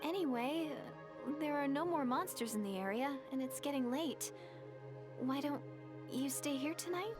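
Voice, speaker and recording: Woman acting flustered young woman, high voice, hesitant, gentle, anime game, music behind. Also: moderate pace, lightly acted. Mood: composed. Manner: hesitant, soft-hearted, stammering apologies.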